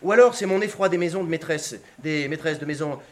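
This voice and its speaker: Talking fast in a voice on the high side, a man reads literary prose dramatically as narrator. He performs it theatrically and expressively, swinging between hushed and excited.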